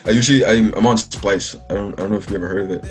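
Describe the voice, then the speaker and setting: Speaking very fast in a darkish voice on the low side, a young Bahamian musician chats casually as an interview guest. Soft music plays in the background while he rambles with lots of "likes" and restarts.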